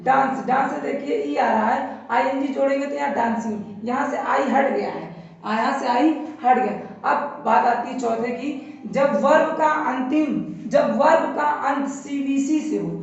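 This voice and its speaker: Grammar teacher, woman, drawn-out patient delivery, distant dull lo-fi recording with heavy room echo. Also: high-pitched, creaky. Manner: slow, repetitive explaining at a board. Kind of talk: classroom grammar lesson.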